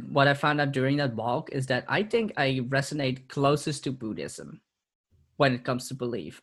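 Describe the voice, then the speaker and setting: A man's voice: mid-range voice, fairly bright tone. A man talking as a podcast guest in casual interview chat, reflective, laughing often and repeating words as he restarts.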